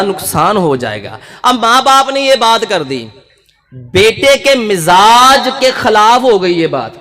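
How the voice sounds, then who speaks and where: Man, high bright voice, impassioned preacher, big reverbing hall. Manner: impassioned, rising to shouted peaks. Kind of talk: sermon.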